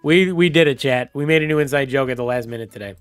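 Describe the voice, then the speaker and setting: A man's voice: medium pitch, quick pace, smooth, faint music behind. A man streaming a game and chatting casually with his viewers, rambling and laughing often. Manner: rambling, laughs often, talks straight to chat. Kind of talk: casual livestream chat.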